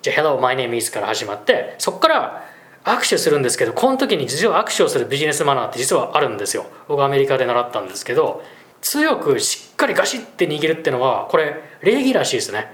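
A man who runs an English school, chatting in a lively way as he explains business English and laughs often. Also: medium pitch, fast talker. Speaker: English school principal, guest teacher. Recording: roomy echo.

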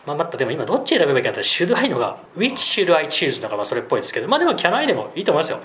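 Lively man teaching English phrases. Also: fairly high pitch, a little hiss or hum. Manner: lively, drops into slow English demo phrases. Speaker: English school principal. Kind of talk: casual explanatory English lesson. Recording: roomy echo.

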